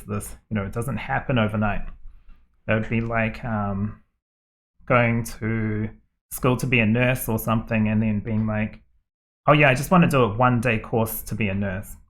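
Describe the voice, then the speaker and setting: A man reads tarot cards for viewers in a fairly low voice. He talks in a rambling, hesitant way, full of fillers and restarts. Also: a bit bright. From New Zealand. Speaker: tarot card reader.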